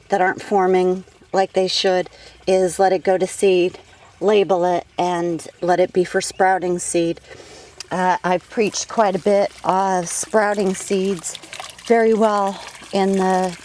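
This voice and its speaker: A woman's voice: medium pitch, darkish tone, a little hiss or hum, low-quality recording. A woman in her garden, slightly out of breath, giving chatty practical gardening tips with frequent fillers. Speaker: gardening vlogger. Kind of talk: casual outdoor garden tips. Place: outdoor garden.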